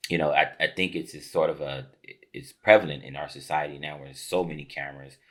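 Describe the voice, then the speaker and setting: A man in a casual motivational chat, agreeable and quick to affirm the others. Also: rumbling low, little pitch movement, fairly bright tone. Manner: agreeable, frequent backchannel affirmations.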